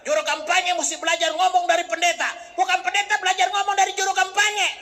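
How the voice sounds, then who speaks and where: High, bright-voiced joking preacher man. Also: little pitch movement, fast talker, slight background noise. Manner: joking, with bursts of shouting. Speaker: pastor. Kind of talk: humorous sermon.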